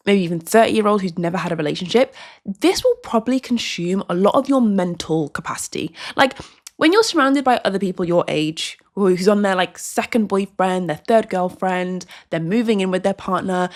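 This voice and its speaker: A young woman hosting a casual vlog, talking earnestly to the camera with frequent restarts and filler likes. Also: medium pitch. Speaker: video host.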